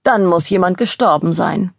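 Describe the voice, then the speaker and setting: This audiobook figure is a camp young gallery colleague, theatrical and mocking, with a slightly raised, playful pitch, as a woman narrator voices him. His voice is husky and a little gravelly. The recording is close and dry. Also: normal speed, no echo. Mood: teasing.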